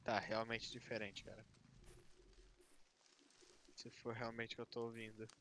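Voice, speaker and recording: A man's voice: mid-range voice, completely flat delivery, unhurried, fairly bright tone, slight background noise. A young man from Brazil joining a gaming stream, teasing his friend in casual jokey banter. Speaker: co-player on the stream.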